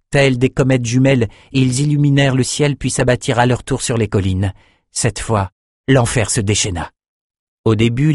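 A man narrating a fantasy audiobook in a steady, measured storytelling voice. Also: on the low side, no room sound, studio quality.

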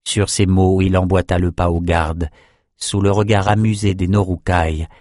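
Guy reading a fantasy audiobook, lowish voice, dry close sound. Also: little pitch movement, moderate pace, a little mellow, no echo. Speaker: narrator. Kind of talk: scripted audiobook narration.

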